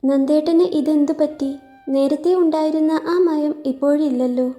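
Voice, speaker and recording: A hurt young wife answers in quiet, hesitant words, as a woman narrator voices her. Her voice is high, with a deeply mellow, warm tone. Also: fairly even intonation, normal speed, soft background music, close to an everyday voice.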